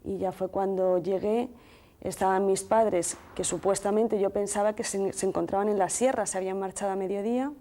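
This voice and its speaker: Woman with a mellow, dark voice, from Madrid. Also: medium pitch, fairly even intonation. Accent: Spanish from Madrid. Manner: measured, detailed retelling with quoted dialogue. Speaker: guest, sister of the deceased. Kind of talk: emotional first-person account in a TV interview.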